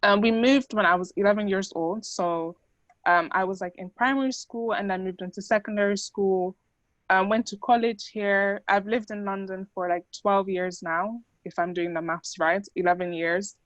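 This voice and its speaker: Here a young adult student from the Netherlands, Dutch being her first language, chats through a talk to an audience with plenty of fillers. Her mid-range voice keeps fairly even intonation at a moderate pace. There's no echo, but audio quality is poor.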